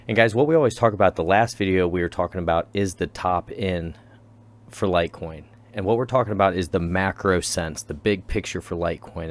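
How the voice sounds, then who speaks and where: A man hosting his own channel, talking casually through chart analysis and repeating key terms as he explains. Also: low-pitched. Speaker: crypto channel host.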